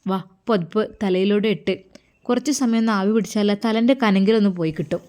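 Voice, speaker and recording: A caring mother coaxes and gently scolds in a warm, mellow voice, as a woman puts her on. She speaks with a Malappuram Malayalam accent and a steady, insistent manner. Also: mid-range voice, brisk, lightly acted. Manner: coaxing, fussing, gently scolding.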